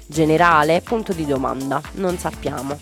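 Low-voiced woman, musing radio host. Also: moderate pace, a bit bright, soft background music. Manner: thinks aloud with frequent restarts. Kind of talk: casual radio chat.

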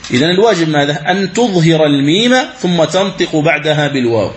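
Man, recitation teacher, religious lesson, rather high pitch, asks and answers himself, faint background hum. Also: animated. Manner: poses questions then answers them; chants verses slowly as examples.

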